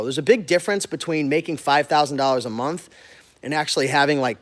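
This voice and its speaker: An American man talking informally and directly to viewers in a casual walk-through vlog, as a business owner showing his workplace. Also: on the high side. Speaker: online reseller and business owner hosting a warehouse tour.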